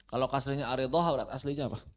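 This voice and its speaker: A man with an Indonesian accent teaching Quran recitation online, repeating syllables loudly to demonstrate each sound. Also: mid-range voice, very fast. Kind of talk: online tajwid lesson.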